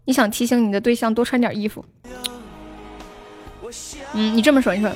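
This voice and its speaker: A woman's voice: on the high side, fairly even intonation, brisk, a little mellow, faint music behind. A young woman hosting a livestream, chatting casually and playfully teasing her viewers with advice. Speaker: livestream singer and host.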